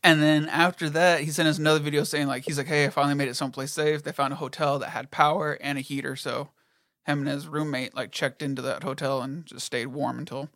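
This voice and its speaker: A man's voice: fairly high pitch, little pitch movement, fast talker, fairly bright tone, no echo, studio quality. Profane man telling a casual story. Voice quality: profane, storytelling with quoted voices. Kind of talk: casual chat.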